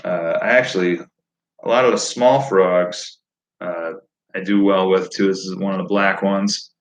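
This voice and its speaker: A man's voice: sits low, fairly even intonation, unhurried. Laid-back fishing guy on a live stream, lots of uh and um, kinda echoey. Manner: rambling, easygoing, many fillers. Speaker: fishing channel host. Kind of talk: casual live stream chat. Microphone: no lapel mic.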